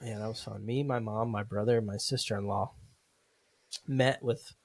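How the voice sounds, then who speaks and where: A man's voice: fairly low pitch, steady tone, normal speed, no room sound. Laid-back man co-hosting a podcast, dry sound. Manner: laid-back, says "dude" and "like" a lot. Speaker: podcast co-host. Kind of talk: casual conversation.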